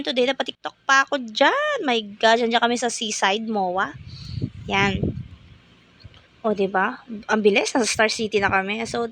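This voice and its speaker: Young woman, slightly high voice, playful and slangy vlog narration. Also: gravelly, fairly bright tone. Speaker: vlogger, mother.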